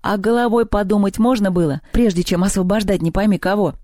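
A storyteller reading the lines of a bossy, hot-tempered schoolboy who snaps and shouts at his friends. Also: medium pitch, steady tone, fairly quick, no echo, clean studio sound, pitched above the performer's own voice, lightly acted. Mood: angry. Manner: curt, snapping, bursts into shouting.

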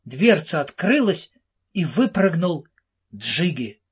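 Man, audiobook narrator, high husky voice, dull lo-fi recording. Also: big pitch swings. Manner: measured storybook reading. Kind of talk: scripted narration.

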